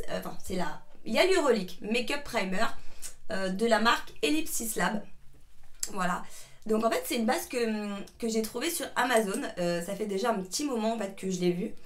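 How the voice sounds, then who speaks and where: A young woman vlogs a make-up tutorial from a spare room at her grandmother's house. She talks in a relaxed, chatty way and keeps apologizing. Her speech is full of hesitant fillers and restarts. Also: on the high side. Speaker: beauty vlogger. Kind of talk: casual make-up tutorial chat.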